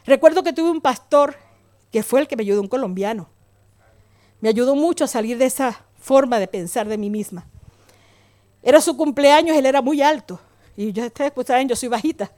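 A woman preaching a sermon to her congregation, telling personal stories, swinging from loud emphatic lines to slow, soft murmurs. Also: sits high, animated, no echo. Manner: storytelling, acts out quoted voices.

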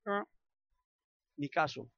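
A man's voice: takes it slowly, a bit bright, no room sound, muffled recording. A man from preaching a sermon, acting out the scripture with vivid sound effects.

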